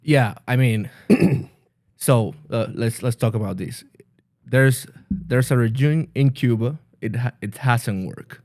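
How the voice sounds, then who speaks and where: A man from the Dominican Republic speaks as a pastor and guest in a casual interview. He talks earnestly and haltingly, often restarting his sentences. His pitch is middling and the recording is dry. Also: a little mellow, no room sound.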